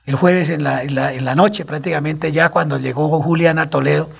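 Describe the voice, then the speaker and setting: A man's voice: on the high side, steady tone, moderate pace, creaky, slightly rough. A Colombian man on a radio talk show, telling stories in an agitated, rambling way and repeating himself.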